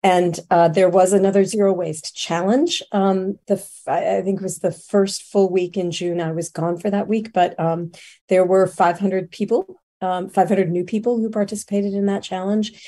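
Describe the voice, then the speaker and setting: A woman making informal remarks as a committee member, halting and often rephrasing as she goes. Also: mid-range voice, steady tone, warm tone.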